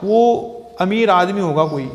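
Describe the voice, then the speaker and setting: High-voiced male teacher in an echoey room. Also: a little slow, muffled recording. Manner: asks rhetorical questions and answers them himself; repeats key terms with simple synonyms. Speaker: English grammar teacher. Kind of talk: explaining grammar to students. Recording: echoey room with long reverb.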